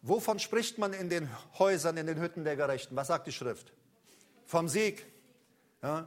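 A man preaching a charismatic sermon, emphatic and rousing, speaking straight to his listeners and swinging between loud calls and low, close asides. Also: normal speed.

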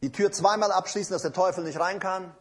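A man with a high, husky voice preaching a sermon. He drives his points home with insistent repetition and talks straight to his listeners. He drops to low, confiding asides between loud declarations. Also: a little fast. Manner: emphatic, repetitive preaching with direct address to listeners.

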